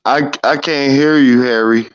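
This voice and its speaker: A man's voice: mid-range voice, steady tone, unhurried, smooth, dull audio. A male show host chatting casually on a live stream, his voice coming through garbled and underwater-sounding from a bad internet connection. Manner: laid-back, calls everyone "man". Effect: garbled underwater-sounding internet audio.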